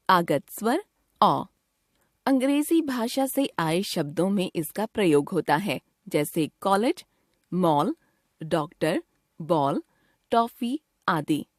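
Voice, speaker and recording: A woman narrates a children's grammar lesson in a slow, unhurried delivery, spelling out each sound with care. Her pitch rises and falls in a lively, animated way. The recording is dry and close, with no room around her voice. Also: no echo. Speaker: teacher.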